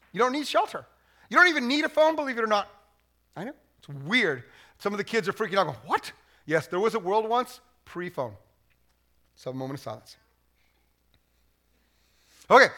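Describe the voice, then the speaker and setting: A man's voice: high-pitched, pushed and bright. A man preaching a sermon as pastor, conversational and joking, often repeating words as he restarts.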